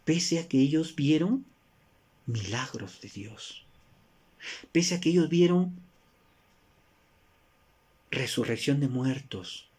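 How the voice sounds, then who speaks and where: A man from Peru with a Peruvian Spanish accent preaching a sermon, asking rhetorical questions and moving between emphatic rises and soft drops. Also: fairly high pitch, expressive, slow pace, pauses often, breathy edge.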